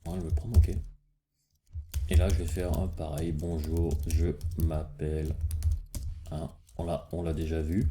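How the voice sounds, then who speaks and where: A man's voice: deep voice, steady tone, normal speed, long pauses, noisy background. A man hosting a casual coding lesson, thinking aloud as he works, with frequent fillers and restarts. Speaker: programming tutorial host.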